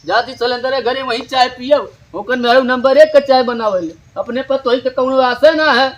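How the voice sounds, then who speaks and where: A man with a very high voice grumbles and complains through a rural family comedy sketch. His tone stays full of gripes. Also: moderate pace, muffled recording.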